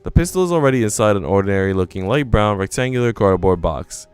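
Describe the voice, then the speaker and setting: A let's player reads a visual novel aloud, acting out the narration and dialogue expressively and dropping in his own asides. His fairly low voice is animated, fast and a little mellow, with a clean tone over soft background music.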